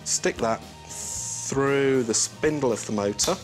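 A man, a craft expert guest, explaining step by step how to build something in a clear and practical way. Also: medium pitch, slow pace. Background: background music.

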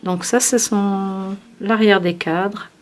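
A woman's voice: mid-range voice, steady tone, takes it slowly, background noise. A woman hosting a craft channel, chatting casually through a product review with many fillers and restarts. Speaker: scrapbooking channel host.

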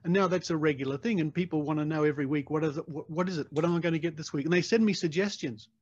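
A man's voice: on the high side, rapid-fire, breathy edge, no echo. Chatty Australian man with a dry sound. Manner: chatty, animated, laughs easily. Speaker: podcast host. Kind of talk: casual interview chat. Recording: dry, slightly dull sound.

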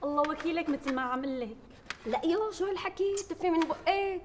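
Brief: fussy shrill woman, quick, reverberant. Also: a little hiss or hum. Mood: scandalized.

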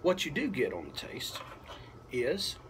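A man in his thirties talks through a casual review at a mid-range pitch. He is unhurried and halting, working out his thoughts as he speaks. Faint outdoor ambient noise sits behind him, picked up by a computer mic on a balcony. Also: huge pitch swings. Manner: halting, unhurried, thinking aloud. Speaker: pipe tobacco reviewer. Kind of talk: casual product review to camera. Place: apartment balcony at night. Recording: clearly noisy, outdoor ambience.

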